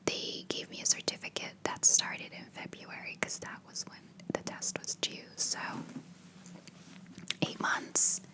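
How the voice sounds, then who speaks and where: A woman whispering in a hushed voice, chatting casually in a rambling ASMR style. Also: a little slow. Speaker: ASMR video creator.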